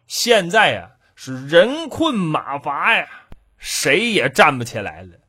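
Guy doing old-school comic storytelling, husky, really animated and dramatic. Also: a little high, slow pace. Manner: lively, dramatic, rhythmic.

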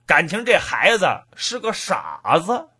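A man telling a folk tale in an animated, rhythmic oral storytelling style. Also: high voice, a little slow, slightly rough.

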